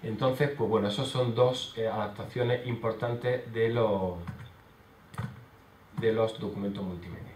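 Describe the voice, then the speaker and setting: Male lecturer, halting explanatory delivery, distant mic in a reverberant hall, faint background noise. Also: mid-range voice, darkish tone. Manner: explanatory, many hesitation fillers. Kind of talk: conference talk. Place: conference hall. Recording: roomy hall sound from far off.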